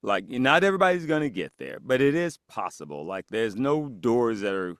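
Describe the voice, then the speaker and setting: A man's voice: mid-range voice, big pitch swings, normal speed, fairly bright tone, dry recording, studio quality. A man joking around as a guest on a podcast. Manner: joking, playful. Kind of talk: casual interview chat.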